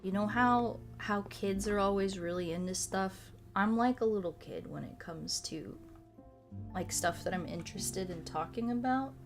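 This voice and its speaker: Over background music, a woman video game streamer talks with casual enthusiasm, drifting off on tangents and cursing freely. Her voice is medium-pitched at a normal speed.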